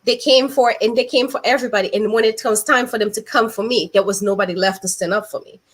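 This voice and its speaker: A woman's voice: fairly high pitch, fast, husky. A young woman hosting a casual video-call interview, speaking thoughtfully and building her points step by step. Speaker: host.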